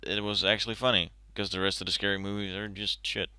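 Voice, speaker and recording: Young male vlogger, lowish bright voice, crisp and dry, animated swearing rant. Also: fast talker, no echo. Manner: animated, gets agitated and swears. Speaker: movie reviewer. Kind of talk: casual ranting review.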